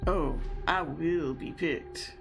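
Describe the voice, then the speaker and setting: A mocking young miner who gloats over the others' fear, as a woman reads him out. The voice is low and gravelly, and the lines are drawn out slowly over music from the game. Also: heavily acted. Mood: gloating. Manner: mocking, gloating, leans in close. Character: menacing young man, taunting mine worker.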